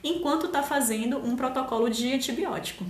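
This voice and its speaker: A woman from Salvador, Brazil, with a Bahian Portuguese accent hosts a live stream as a nutritionist, explaining things casually with lots of fillers and laughing easily. Her voice sits high and brisk, and the sound is roomy.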